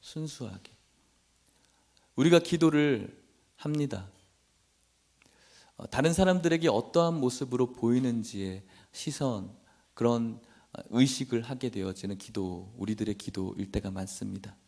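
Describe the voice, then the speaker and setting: A man's voice: medium pitch, measured pace, vocal fry, long pauses, a little mellow. A male pastor preaching a sermon, at times voicing emotional, pleading prayers aloud.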